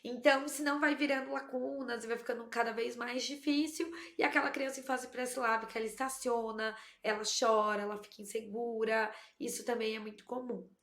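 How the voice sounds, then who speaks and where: A woman teacher explaining classroom methods in a lively, explanatory way, sometimes acting out short exchanges with a child. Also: a little high, fairly quick, few pauses, reverberant. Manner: explanatory, animated, acts out child dialogues. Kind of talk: educational tips to camera.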